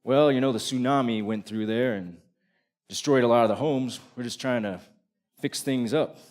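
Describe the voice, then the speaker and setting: A man's voice: mid-range voice, normal speed, a little mellow, lightly acted. A man playing a folksy Texan traveler, easygoing, modest, medium voice, live stage story.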